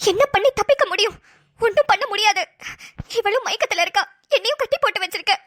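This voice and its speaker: Woman voicing a squeaky cartoon heroine. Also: quick pace, a bit bright. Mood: defiant. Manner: squeaky, tearful pleading. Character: young female heroine, scared but defiant. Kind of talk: cartoon voice acting.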